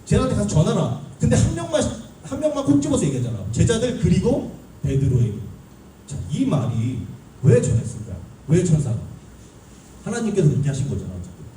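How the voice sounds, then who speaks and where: A young man preaching a sermon to a youth group, talking in an animated way and putting questions to his listeners. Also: high-pitched, fast. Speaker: youth pastor. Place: church hall. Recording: echoey room, mic at a distance, faint hum.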